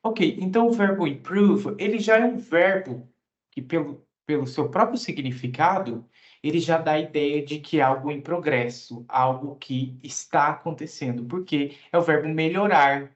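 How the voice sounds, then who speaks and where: A man's voice: a little high, moderate pace, highs cut off. A man teaching English in an online class, patiently explaining grammar at length and asking students questions.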